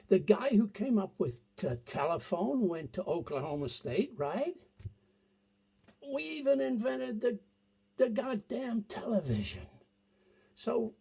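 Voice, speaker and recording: A man with a husky, mellow voice swoops up and down as he talks. He speaks slowly and sounds exasperated, leaning hard on his points with sing-song emphasis. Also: high voice.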